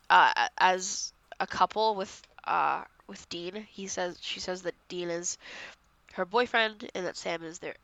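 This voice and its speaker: Congested woman recapping with bright, crisp voice. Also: on the high side, dry recording, rough recording. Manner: rambling, animated, acts out characters' lines. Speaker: podcast co-host. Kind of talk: casual podcast chat, recapping an episode.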